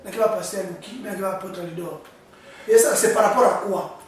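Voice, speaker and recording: A man, interviewing a pastor and pressing him with animated questions. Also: sits high, brisk, far from the mic, slight background noise. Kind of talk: street interview. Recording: echoey, mic held off.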